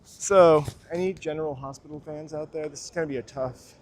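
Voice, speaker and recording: A man's voice: fairly high pitch, fairly quick, a little mellow. Man, casual walking vlog, rambling asides, slightly breathless, outdoor street, faint traffic noise. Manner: chatty, rambling asides to viewers. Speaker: walking tour livestreamer.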